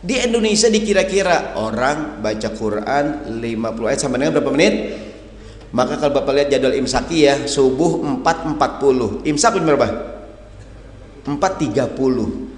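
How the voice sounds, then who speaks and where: Animated preacher in an echoey hall. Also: male voice, mid-range voice, moderate pace. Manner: animated, acts out questioners, addresses audience as hadirin. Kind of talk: lively sermon with humor. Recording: echoey hall with long reverb.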